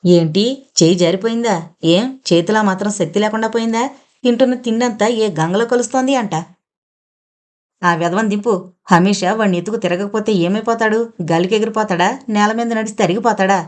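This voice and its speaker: A woman's voice: medium pitch, steady tone, a little mellow, lightly acted. A woman voicing a harsh scolding mother-in-law. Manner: scolding, drawn-out taunting words.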